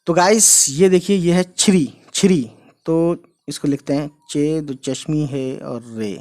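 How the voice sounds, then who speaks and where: A man's voice: on the high side, a little slow, a little mellow. Chatty man teaching Urdu script. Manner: explains step by step, repeating each sound and using many fillers; mixes in English phrases. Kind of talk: casual whiteboard lesson.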